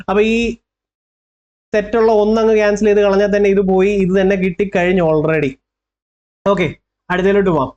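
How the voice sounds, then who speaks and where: A man's voice: fairly high pitch, dull audio. A man teaching an exam-prep lesson in a Kerala Malayalam accent. He repeats key facts and keeps checking that his students are following.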